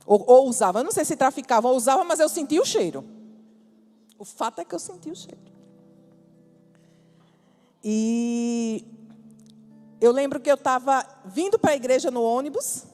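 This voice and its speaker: A woman's voice: high voice, expressive, moderate pace, long pauses, warm tone, long reverb tail, faint music behind. A woman preacher telling a personal testimony in a sermon, storytelling with acted-out dialogue and bursts of emphasis.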